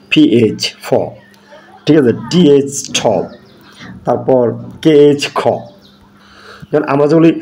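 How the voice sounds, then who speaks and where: Bengali-speaking male teacher with a Bangladeshi accent, warm low-brightness voice, spells words out slowly for a short lesson. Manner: spells out letters slowly, then repeats the sound. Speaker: English pronunciation teacher. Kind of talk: short educational video lesson.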